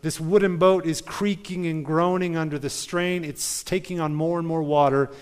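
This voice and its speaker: A man's voice: on the high side, steady tone, moderate pace, clear, resonant tone, long reverb tail. A male pastor preaching a sermon in a conversational storytelling manner, driving points home with rhetorical questions.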